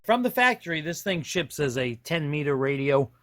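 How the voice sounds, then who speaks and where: On the high side and very animated, this man's slightly bright voice moves at normal speed as he demonstrates a radio for review. The hands-on demo is unscripted and casual, folksy and self-deprecating, full of rambling and self-corrections. It's recorded dry.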